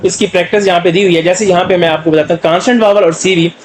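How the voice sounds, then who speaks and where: A man's voice: high voice, fairly even intonation, slight background noise, rough recording. A middle-aged man with a Pakistani Urdu accent gives a recorded Korean language lecture, explaining step by step with many fillers and drawing out the sounds he demonstrates. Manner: explains slowly, with many fillers and repeated questions to students.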